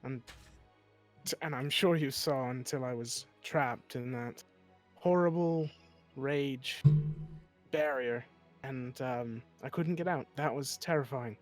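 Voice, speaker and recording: A man's voice: mid-range voice, slow, pauses often, faint music behind. A man playing his character in a tabletop game, talking in an earnest, slightly formal way. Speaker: player. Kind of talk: in-character tabletop role-play.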